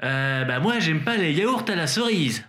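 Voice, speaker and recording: A man's voice: a little high, expressive, unhurried, bright, forceful tone. A man playing a naive, childish cartoon sidekick with a hesitant, innocent way of talking.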